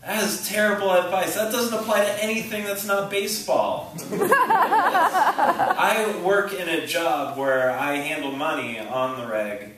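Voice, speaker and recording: A young man doing a halting, rambling stand-up set, full of ums and self-interruptions, on a small theater stage. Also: high-pitched, lively intonation, noisy background. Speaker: stand-up comedian. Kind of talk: open-mic stand-up set. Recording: echoey room recording from a distant camera.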